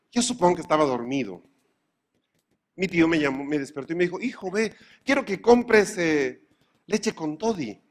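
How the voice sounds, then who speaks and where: A man giving a lecture to a live audience, animated and full of anecdotes, often asking his listeners if they follow him. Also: mid-range voice. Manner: animated, often checks in with the audience through questions; acts out both sides of everyday dialogues.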